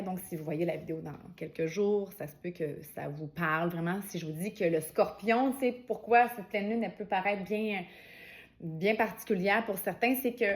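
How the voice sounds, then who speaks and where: A woman with a Québécois French accent talks through her oracle cards in an easygoing, conversational way. She keeps her pitch in a middling range and tosses in informal asides as she goes. Her tone stays gentle and encouraging. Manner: chatty and informal, many fillers and asides. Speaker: oracle card reader. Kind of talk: casual spiritual guidance vlog.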